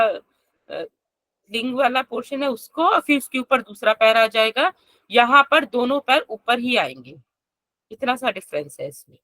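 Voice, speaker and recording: A woman teaching an online yoga class, explaining step by step, chanting verses slowly and asking her students questions. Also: a little high, fairly bright tone, dry recording.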